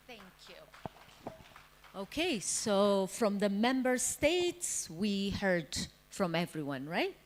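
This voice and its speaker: Slow, lively woman moderating a forum. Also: mid-range voice. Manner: brief, relaxed prompts between speakers. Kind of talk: conference introductions.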